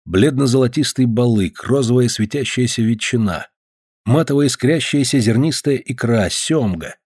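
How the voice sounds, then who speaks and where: A man's voice: mid-range voice, moderate pace, a little mellow, breathy edge, no echo, studio quality. A man narrating a crime story as an audiobook, reading expressively and voicing each character.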